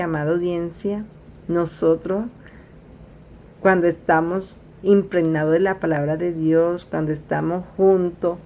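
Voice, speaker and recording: Low-voiced woman preaching Bible stories. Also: a little hiss or hum. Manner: warm direct address, repeats "amada audiencia"; retells scripture with sighs and asides. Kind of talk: informal Bible sermon.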